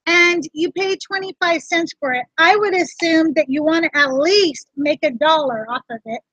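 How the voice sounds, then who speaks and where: A woman's voice: very high-pitched, moderate pace, a bit bright, dry recording. A woman hosting a casual livestream tutorial, chatting straight to her viewers as she explains things. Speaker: reseller vlog host. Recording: dull lo-fi dry sound.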